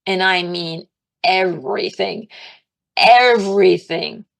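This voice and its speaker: A woman's voice: mid-range voice, unhurried. Chatty woman giving an informal sermon. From Italian and Irish heritage. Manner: chatty and animated, laughs often, shouts when acting out her pleas to God. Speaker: spiritual teacher.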